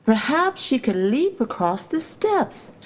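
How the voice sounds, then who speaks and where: With music behind her, a woman reads scripted educational narration like a storybook, explaining and asking rhetorical questions. She speaks slowly in a high-pitched voice with big pitch swings.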